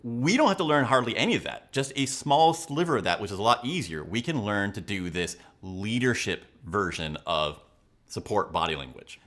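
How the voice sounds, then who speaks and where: Bright and forceful, with a fairly low pitch, this man's voice carries his analytical commentary as a video host. He coaches viewers on body language and leadership in an emphatic, instructional manner.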